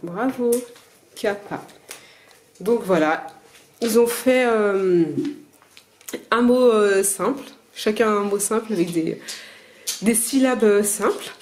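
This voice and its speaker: A woman's voice: mid-range voice, takes it slowly, pauses often, a little mellow. A mother teaching her children at home and explaining the method to the camera in a hesitant, casual way full of filler sounds. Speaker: homeschooling mother.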